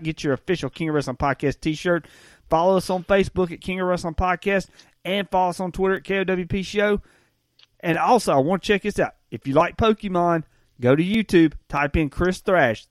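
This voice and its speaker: A man's voice: a little high, no echo. Male podcast host, folksy rambling storyteller, dry close sound. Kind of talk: casual podcast chat.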